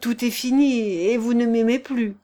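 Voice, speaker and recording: A woman's voice: a little high, fairly even intonation, unhurried, dark tone, close to an everyday voice. A woman reading aloud and voicing a tormented young man who leads wolves, speaking in intense, anguished outbursts. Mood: anguished passion. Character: male wolf-leader, tormented, passionate young man.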